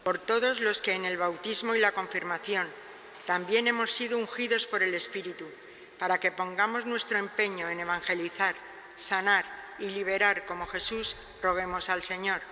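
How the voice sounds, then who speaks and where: High-pitched man reading prayers in cathedral echo. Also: steady tone, moderate pace, bright, forceful tone. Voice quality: voice echoing as in a cathedral. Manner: solemn, formal recitation. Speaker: lay reader of intercessions at Mass. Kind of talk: liturgical reading of petitions. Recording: long cathedral echo, background noise.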